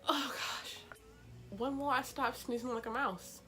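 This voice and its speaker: A woman's voice: high-pitched, fairly even intonation, normal speed, sharp tone. A young woman vlogging casually about her hair, her voice congested from allergies, chatty and playful. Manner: chatty, playful, calls viewers "girl". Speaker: beauty vlogger. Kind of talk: casual vlog chat to camera.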